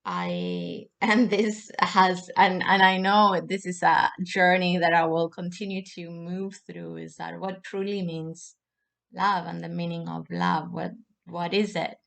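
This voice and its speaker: A woman from Argentina, a love coach, talking in a thoughtful, searching way, with pauses and restarts. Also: lowish voice, creaky, fairly bright tone. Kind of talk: reflective personal monologue.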